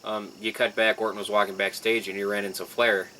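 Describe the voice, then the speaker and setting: A man's voice: lowish voice, little pitch movement, a little fast, bright, forceful tone, a little hiss or hum, rough recording. A man co-hosting a casual wrestling chat, blunt and sarcastic, with plenty of swearing. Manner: blunt, profane, sarcastic rants. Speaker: podcast co-host.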